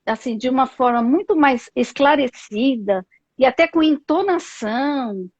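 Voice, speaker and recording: A Brazilian woman psychologist speaks on a live video interview. Her voice sits high and carries a husky edge, dry and close. The call audio is dull and lo-fi. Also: unhurried, no room sound. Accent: Brazilian Portuguese. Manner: thoughtful, many fillers and tag questions. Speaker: psychologist guest.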